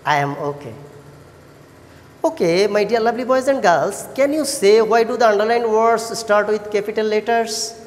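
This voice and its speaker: A woman with a Bangladeshi accent teaching an English lesson to children, encouraging and praising like a kids show host, with deliberate sing-song questions. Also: on the high side, a little mellow. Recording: echoey hall-like reverb.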